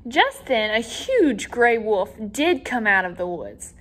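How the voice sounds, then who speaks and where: A woman with a fairly high voice reads a children's story aloud slowly, as a teacher would. Her animated storybook delivery uses expressive, dramatic emphasis for young listeners.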